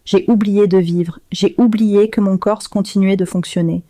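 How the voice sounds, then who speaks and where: Mellow-voiced woman narrating a story. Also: mid-range voice, fairly even intonation, moderate pace, no echo. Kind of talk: scripted first-person story narration.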